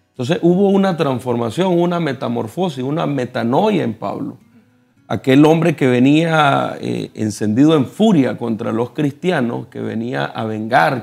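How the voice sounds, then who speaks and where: A man with a Nicaraguan Spanish accent, a pastor explaining scripture in a measured, teaching tone on a television panel. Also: mid-range voice, vocal fry. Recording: soft guitar music behind.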